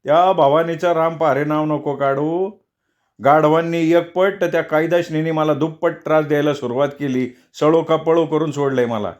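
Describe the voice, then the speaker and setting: A man's voice: a little high, fairly even intonation, normal speed, pitched above the performer's own voice, natural voice. A man voicing an aggrieved, grumbling older village man who keeps donkeys, in a storybook reading. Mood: complaining. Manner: complaining, aggrieved.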